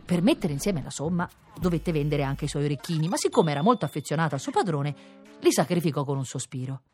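A woman reading a children's fairy tale for radio, with playful, expressive narration. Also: low-pitched, fast, faint music behind. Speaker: reader.

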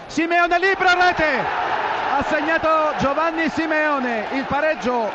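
A man with an Italian accent giving live football radio updates and goal commentary from a match. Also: very high voice. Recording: muffled outdoor stadium feed with noise.

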